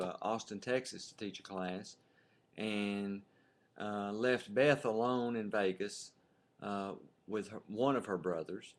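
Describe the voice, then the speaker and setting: Playful middle-aged man, jokey. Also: on the low side. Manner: jokey, playful, chuckles often. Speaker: co-host of a webcam video. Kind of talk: casual chat. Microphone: webcam.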